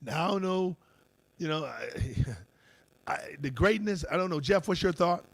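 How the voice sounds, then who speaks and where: A man co-hosting a radio talk show, telling a personal story in an animated, indignant way and acting out the quotes. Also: high voice, normal speed, gravelly, no room sound.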